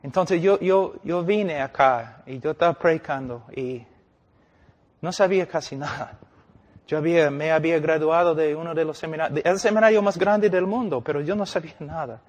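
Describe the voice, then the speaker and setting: Male preacher, fairly high voice, emphatic sermon delivery that swings loud to hushed. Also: normal speed. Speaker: pastor and missionary preacher. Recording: long reverb of a large hall.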